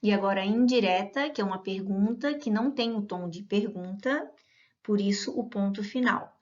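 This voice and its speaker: A woman's voice: medium pitch, moderate pace. A woman gives a patient grammar lesson and keeps checking that her students follow. Her voice sits in a middle range. The audio is a little dull and lo-fi. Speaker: Portuguese teacher.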